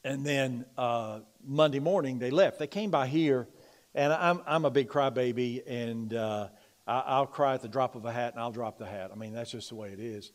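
A middle-aged male pastor preaching a sermon in a church. He moves between loud, emphatic preaching and quiet, confiding personal stories. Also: medium pitch, moderate pace. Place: church sanctuary.

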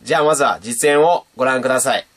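A man's voice: medium pitch, fast talker. A young man, chatting casually as he teaches beatboxing on his channel. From Japan. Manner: chatty and animated, demonstrating sounds. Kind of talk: casual video lesson.

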